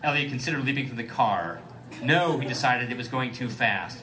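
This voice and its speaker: Lively man reading aloud for laughs. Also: medium pitch, normal speed, a loud crowd. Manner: lively, breaks off to joke and ad-lib. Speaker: comedic reader. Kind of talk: comedic reading to an audience.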